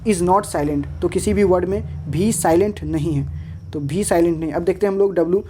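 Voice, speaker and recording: A woman teaching an English lesson, reading each rule out slowly, then listing example words. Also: fairly low pitch, dark tone, slight background noise. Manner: slow deliberate reading of rules, then lists examples; switches between Hindi and English. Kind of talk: explaining lesson over slides.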